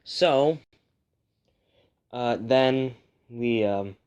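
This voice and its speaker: A man's voice: medium pitch, very slow, a little mellow, clear, resonant tone. A young man hosting a casual, rambling review, pronouncing his R's like W's and sometimes slipping on his L's. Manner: says w for r, sometimes slips on l. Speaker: host of a comic book review show.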